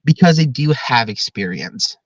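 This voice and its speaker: A man's voice: mid-range voice, animated, normal speed, no room sound, dull audio. A man in his early twenties, a drum corps director, talking earnestly and at length in a podcast interview. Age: 20s. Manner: earnest, talkative, explains at length.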